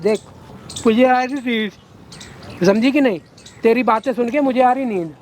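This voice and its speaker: A man's voice: extremely high pitch, measured pace, a little mellow, a little hiss or hum. A middle-aged actor playing a domineering widowed man who keeps ordering a young woman around, in a short-film drama. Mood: bossy. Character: coercive widowed older man, bossy.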